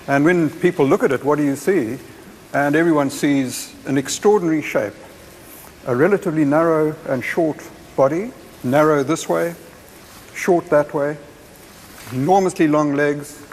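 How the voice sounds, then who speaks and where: A man's voice: fairly high pitch, a little mellow, rough recording. A man giving an unscripted expert explanation, building it with rhetorical questions and lists. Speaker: giraffe expert. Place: post-mortem room. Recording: faint room noise.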